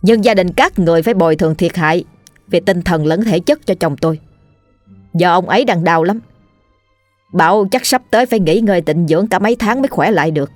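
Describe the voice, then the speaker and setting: A woman's voice: lowish voice, brisk, no room sound, soft background music, lightly acted. A woman voicing a spiteful middle-aged village wife who talks in a sneering, scolding way.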